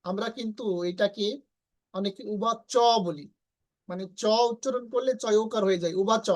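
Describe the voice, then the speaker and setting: A Bangladeshi woman with a Bangladeshi Bengali accent and a mid-range, slightly mellow voice teaches Gita recitation. Slowly and patiently, she repeats syllables and chants the lines melodically to teach verse pronunciation.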